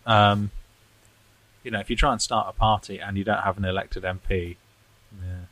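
A man's voice: fairly low pitch, fairly even intonation, normal speed, a bit bright, no echo, low-quality recording. A man co-hosting a podcast, talking in a rambling, self-deprecating way and chuckling often. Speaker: podcast co-host. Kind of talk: casual political chat.

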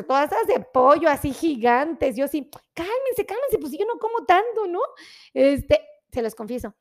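Chatty high-voiced Mexican woman streaming. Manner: chatty, exclamatory, addresses viewers warmly by name. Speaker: livestream host greeting viewers. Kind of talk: casual live chat with viewers.

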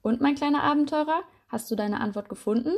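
A woman voicing a loving mother spider in a storybook, speaking affectionately and a little quicker and higher. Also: a little hiss or hum, close to an everyday voice. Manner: affectionate, lively.

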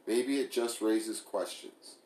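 Man doing a bitter young woman, pleading, pressing, lowish voice, echoey room. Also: slow, a little mellow. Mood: hurt, pressing. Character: hurt, sarcastic young woman confronting her partner. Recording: roomy echo.

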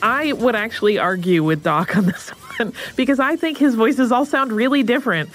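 A woman's voice: a little high, moderate pace, soft background music. A woman podcast host narrating a scripted episode and introducing interview clips.

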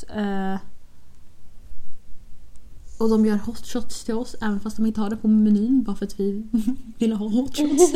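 A young woman casually telling a story, acting out what she and her friends said. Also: medium pitch. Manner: animated, quotes herself and friends with "jag bara".

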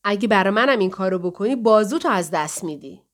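A woman's voice: medium pitch, expressive, close to an everyday voice. A woman voicing a terse, suspicious female caretaker in an audiobook. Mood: curt.

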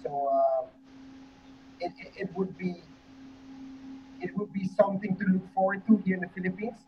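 Dutch-raised coach, halting and filler-heavy, slightly high voice, dull audio. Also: male voice, a little hiss or hum. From Netherlands. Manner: hesitant, many fillers. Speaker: football coach. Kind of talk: online panel answers.

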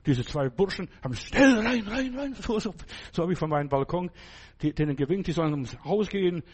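Here the older Lithuanian-accented pastor preaches in German, his high-pitched voice expressive, a little fast, husky and slightly mellow. He speaks emphatically and straight to the listener from a church hall.

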